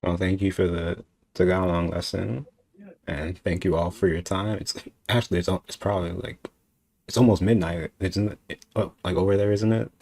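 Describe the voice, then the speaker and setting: A man hosting a casual interview podcast, thanking guests and signing off in a relaxed, friendly way. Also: sits low, normal speed, gravelly, slight background noise. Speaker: podcast host.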